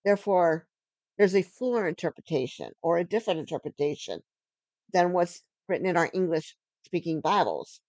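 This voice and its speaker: A woman giving an earnest teaching sermon on scripture, stressing key phrases and slowing down for emphasis. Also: on the low side, expressive, a little mellow, no echo. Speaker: Bible teacher.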